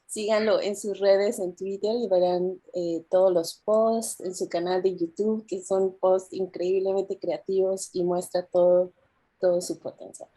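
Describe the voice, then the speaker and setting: Woman, event host, friendly introduction, breathy, mellow tone. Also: medium pitch, little pitch movement, unhurried. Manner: friendly, mixes in short English phrases. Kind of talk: introducing a speaker.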